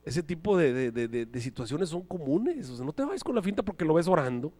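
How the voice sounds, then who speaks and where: A man preaching a sermon, animated, acting out little scenes and voices as he goes. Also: fairly high pitch, brisk. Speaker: pastor. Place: church hall. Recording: live church hall reverb.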